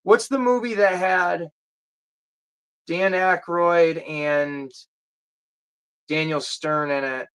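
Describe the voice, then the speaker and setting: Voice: medium pitch, fairly even intonation, slow, long pauses, a bit bright, clear, resonant tone. A livestream host in casual chat, rambling, searching aloud for titles and answering viewer comments. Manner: chatty, drifts off topic.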